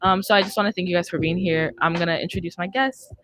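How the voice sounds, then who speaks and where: A young adult woman hosts a casual, loosely improvised podcast chat indoors in a studio, speaking close to a boom-arm microphone. Her voice is on the low side and fairly bright, with fairly even intonation and a fast pace.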